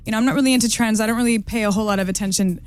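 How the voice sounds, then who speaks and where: A woman's voice: on the high side, very fast, slight background noise. A woman from New York, chatting as a DJ guest on a radio show, giggly and full of fillers and restarts. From New York, USA. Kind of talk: casual radio interview. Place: radio studio.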